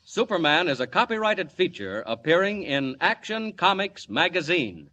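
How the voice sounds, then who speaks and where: A man's voice: high-pitched, sing-song, normal speed, pushed and bright. A male announcer narrating a 1940s radio serial with grandiose, dramatic declamation. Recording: vintage 1940s radio, faint noise.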